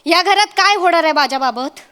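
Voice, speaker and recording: Sarcastic, fed-up young wife. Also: female voice, very high voice, expressive, a little fast, pushed and bright, heavily acted. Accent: Marathi. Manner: sarcastic, complaining. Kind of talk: sketch comedy acting.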